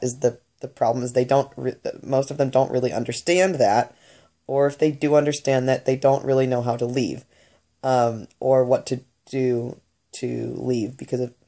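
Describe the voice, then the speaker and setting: A woman muses aloud in an unscripted monologue, her voice mellow and dark. She stops and starts often, filling gaps with ums and restarting her phrases as she works through her thoughts. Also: extremely low pitch. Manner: halting, with many fillers and restarts. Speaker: channeler recounting spirit messages.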